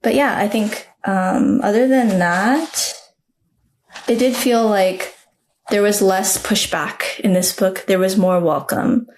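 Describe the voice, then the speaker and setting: A woman's voice: medium pitch, takes it slowly, a little mellow. A young adult woman, a children's book author, talking in a podcast interview in a chatty, reflective way with many fillers.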